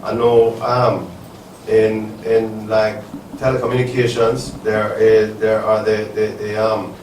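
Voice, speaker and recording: A man's voice: lowish voice, level tone, slow pace, darkish tone. Earnest man speaking in an echoey hall. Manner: rambling, restarts often, earnest. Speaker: business speaker at a symposium. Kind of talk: live panel talk answering audience questions. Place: resort event hall. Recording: echoey event hall from far off, faint noise.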